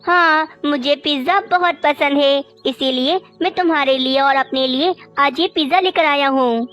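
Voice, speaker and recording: A woman's voice: sits high, moderate pace, a bit bright, soft background music. A woman voicing a wealthy, doting male crow husband in a cartoon, speaking earnestly. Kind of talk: cartoon voice acting.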